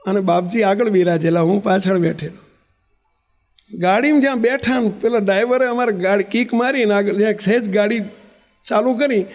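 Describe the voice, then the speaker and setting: High-voiced man telling a sermon story. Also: long reverb tail. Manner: lively storytelling, acts out the voices of people in the story.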